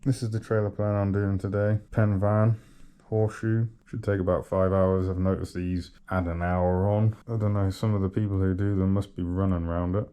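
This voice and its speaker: A man's voice: fairly low pitch, warm tone, clear, resonant tone. A man talking casually as a vlogger, rambling a little, with wry, self-deprecating understatement. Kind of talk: casual chat to camera.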